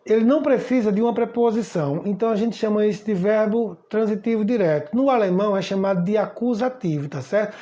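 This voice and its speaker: Brief: male teacher, casual and chatty, mellow voice, slightly dull lo-fi recording. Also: high-pitched, fast talker, few pauses. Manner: chatty, repeats "tá certo?", stumbles and repeats words. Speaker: German language teacher. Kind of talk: casual spoken lesson.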